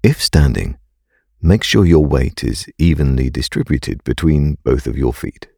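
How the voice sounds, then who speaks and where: Very deep, slow male meditation guide. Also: gravelly, husky, no room sound, clean studio sound. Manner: calm, gentle, unhurried delivery.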